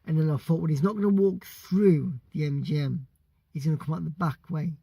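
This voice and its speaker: A British man from the UK telling a story casually, excitable and stumbling over his words. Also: on the high side, fairly quick, creaky, husky, no echo. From United Kingdom. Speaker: vlogger.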